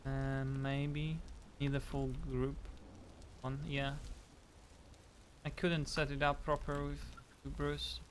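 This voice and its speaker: A man's voice: mid-range voice, completely flat delivery, slow pace, long pauses, a little hiss or hum. A non-native English-speaking man streaming a game, chatting casually and yelping when something attacks him. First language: not English. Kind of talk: casual live-stream chat while gaming.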